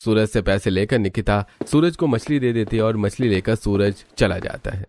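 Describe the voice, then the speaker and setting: A man's voice: fairly low pitch, normal speed, darkish tone. A man reading scripted narration for a cartoon family story. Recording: clearly noisy background.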